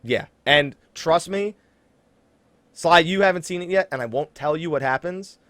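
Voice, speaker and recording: The host of a casual gaming podcast, a man with a fairly high and bright voice, speaks at a moderate pace in a dry recording. He addresses listeners directly, emphatically hyping things up.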